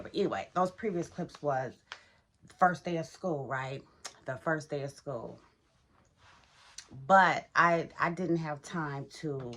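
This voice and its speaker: Middle-aged woman doing a get ready with me vlog, chatty, says y'all a lot, groggy morning voice, lowish pitch. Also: a bit bright. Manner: chatty, addresses viewers as y'all. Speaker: vlogger.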